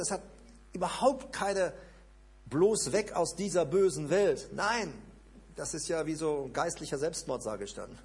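A male pastor preaching a sermon in a church service that is also streamed online. He repeats short prayer lines fervently and drops to a hushed, low voice when he prays them. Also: slightly rough.

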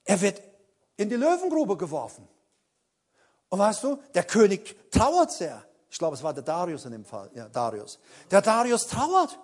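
A man's voice: high voice, big pitch swings, moderate pace. A man preaching a sermon, speaking dramatically and addressing his listeners directly, with fillers when he recalls details. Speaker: pastor.

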